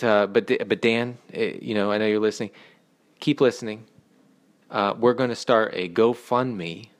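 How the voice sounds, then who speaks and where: Gravelly, very low-voiced man, mock-solemn. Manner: hesitant, many fillers and restarts, mock-solemn. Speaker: podcast host. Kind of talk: deadpan comedic monologue.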